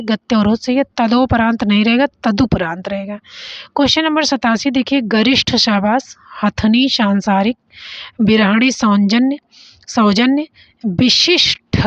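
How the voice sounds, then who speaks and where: A fairly high-voiced young woman teacher runs an exam revision lesson. She reads out options and briskly corrects each word, and she speeds up whenever she announces a question number. The recording is dry and somewhat dull, like a lo-fi home setup. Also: no echo.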